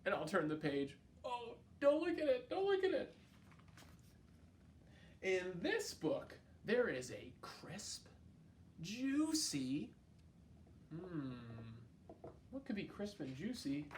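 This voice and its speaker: At a library storytime, a man with a high voice reads a picture book aloud, speaking slowly with long pauses over slight background noise. His delivery is playful, exaggerated, and expressive, and he talks straight to the young children listening, asking them questions and giving prompts.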